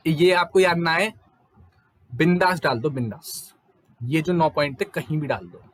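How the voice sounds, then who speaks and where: Young male tutor, slightly high voice, chatty exam-prep lecture, code-switches between Hindi and English, keeps asking rhetorical questions. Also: normal speed, no room sound. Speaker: teacher.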